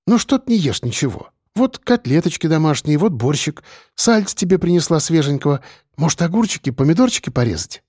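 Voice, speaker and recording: A man's voice: a little high, big pitch swings, a little fast, a little mellow, dry recording, studio quality, pitched above the performer's own voice. A man voicing a fussing, doting woman who chides a hospital patient into eating. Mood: doting, chiding. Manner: chiding, doting.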